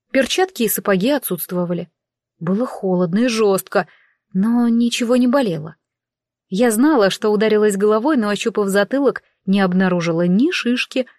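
A woman's voice: medium pitch, darkish tone, dry recording. Woman narrating with dry wit. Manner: wry, dry-humoured. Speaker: audiobook narrator. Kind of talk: first-person audiobook narration.

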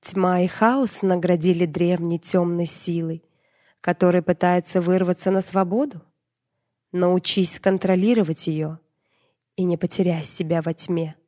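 A woman reading a dark fantasy novel as an audiobook narrator, in a measured, dramatic way. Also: on the low side, steady tone.

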